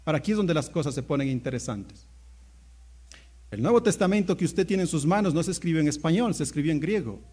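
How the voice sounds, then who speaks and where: A man preaching a sermon as pastor, telling a story and swinging between hushed low asides and loud exclamations. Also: expressive, fast, slightly rough.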